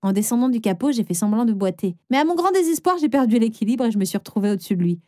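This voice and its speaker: A woman narrating a first-person animated story as a dramatic, expressive teenage girl. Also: fairly high pitch, very fast, no room sound, studio quality. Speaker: narrator and heroine.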